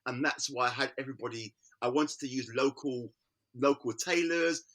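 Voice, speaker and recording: In relaxed conversation, a middle-aged British man with a London accent, an artist guest, tells stories with energy and impersonates those he quotes, laughing as he goes. His pitch is medium and his pace moderate.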